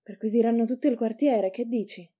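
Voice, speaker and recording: Woman doing an anxious rough young man in a storybook reading; very dark, mellow tone, fretful. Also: fairly high pitch, fairly even intonation, fairly quick. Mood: nervous. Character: rough young man, nervous, body snatcher.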